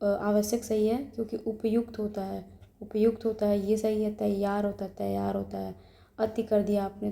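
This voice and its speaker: A woman teacher working through a practice test aloud, briskly explaining each answer and repeating words as she checks them. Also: medium pitch, vocal fry, warm tone. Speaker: exam coaching teacher.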